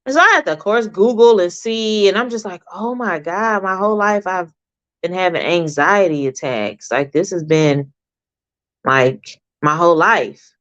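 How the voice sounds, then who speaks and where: A woman's voice: on the low side, lively intonation, normal speed, fairly bright tone. Candid woman chatting on a livestream. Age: 30s. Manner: candid, rambling storytelling with many fillers. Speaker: livestream host. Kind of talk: casual personal livestream chat. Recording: dull lo-fi livestream audio.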